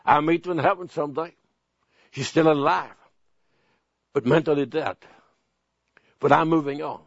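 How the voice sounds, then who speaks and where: Older male pastor, earnest pleading sermon delivery, fairly high-pitched, dull dry broadcast sound. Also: steady tone, gravelly, dry recording. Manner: earnest, pleading, repeats phrases slowly.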